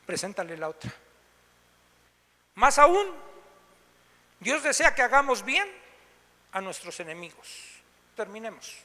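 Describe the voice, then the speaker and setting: A man's voice: sits high, sing-song, measured pace, long pauses, bright, forceful tone, big-room sound. A man preaching a sermon, telling stories with animation and asking rhetorical questions. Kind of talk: sermon with storytelling. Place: church meeting room.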